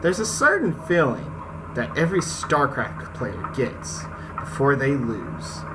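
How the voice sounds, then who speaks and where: A very animated man with a medium-pitched voice hosts a casual let's play, a little slow in pace. He shifts between slangy, informal asides and story reading, with a noisy background and video game music.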